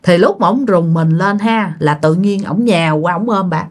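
A woman's voice: on the low side, moderate pace. A woman with a Southern Vietnamese accent telling a ghost story in a chatty, casual way, talking directly to her listeners.

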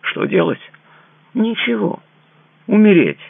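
A man's voice: deep voice, measured pace, no room sound, voice pushed up. A man voicing a distraught, melodramatic man who moans and sobs over his ruin, in a dry, narrow, phone-like recording. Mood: despairing. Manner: moaning, tearful, theatrical despair.

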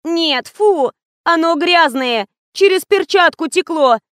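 A woman's voice: very high voice, animated, slow, no room sound, studio quality, pitched above the performer's own voice, heavily acted. A woman voicing a whining young actress who complains in a plaintive tone. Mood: whiny disgust. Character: whiny young actress refusing to drink.

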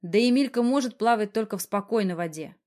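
A woman's voice: mid-range voice, fairly quick, a little mellow, lightly acted. A woman reading an audiobook and voicing a worried, hot-tempered young man who scolds sharply. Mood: scolding.

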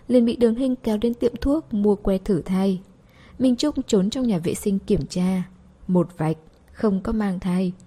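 A woman narrating a romance audiobook in a steady, even storytelling manner. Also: mid-range voice, slightly rough.

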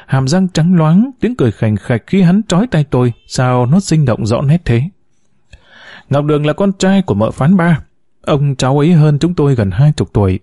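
Mellow, lively male audiobook narrator. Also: a little high, dry recording, studio quality. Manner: measured, expressive storytelling. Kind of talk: scripted narration of a novel.

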